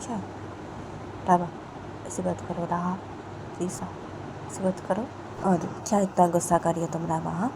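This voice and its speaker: A woman's voice: lowish voice, flat delivery, normal speed, vocal fry, long pauses, noisy background. A woman voicing an anxious young woman who fusses and pleads again and again. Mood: pleading. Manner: fussing, repeats pleas over and over.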